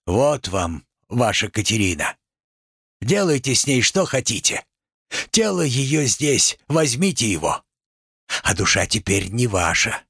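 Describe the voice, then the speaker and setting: A man's voice: medium pitch, big pitch swings, measured pace, fairly bright tone, breathy edge, no room sound, clean studio sound, pitched above the performer's own voice, heavily acted. A man playing a grave, solemn townsman. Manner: grave, reproachful.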